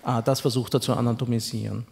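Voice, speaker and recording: A man's voice: mid-range voice, level tone, fast talker, creaky, darkish tone. A man, an anthropologist, explaining in an academic, hesitant way with many fillers on a handheld mic in a large hall. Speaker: anthropologist guest. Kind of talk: panel discussion.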